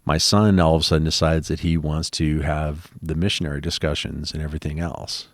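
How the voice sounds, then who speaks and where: A man's voice: extremely low pitch, level tone, a little fast, no echo, studio quality. A man telling his personal story in an interview, rambling with many ums and acting out the conversations he quotes.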